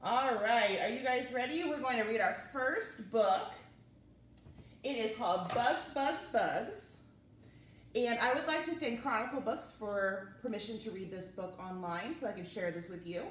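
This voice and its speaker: A slightly high-pitched woman, speaking at a measured pace, reads aloud and chats with young viewers during story time. Her manner is singsong and encouraging, and the roomy recording picks up faint background noise through a distant mic.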